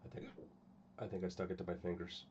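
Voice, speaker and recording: A man's voice: sits low, little pitch movement, fast, darkish tone, lo-fi sound, a little hiss or hum. A man with the hiccups, rambling casually to his chat while painting miniatures. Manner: rambling, distracted, talking to stream chat. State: has the hiccups. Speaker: channel host.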